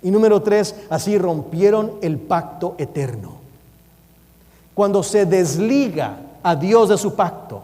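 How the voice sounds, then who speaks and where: Emphatic high-voiced male preacher. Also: sing-song, a little slow, mellow. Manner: emphatic, urgent preaching, reading scripture aloud. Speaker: preacher and Bible teacher. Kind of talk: sermon. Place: church sanctuary. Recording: long reverb of a church hall.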